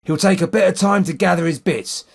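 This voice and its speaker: A high-sitting male voice with a London accent portrays an old, world-weary underworld informer in video game dialogue. The tone is husky and gravelly, roughened by fry and rasp, and the mood is grave. Measured and wry, his speech carries street slang and lingering guilt.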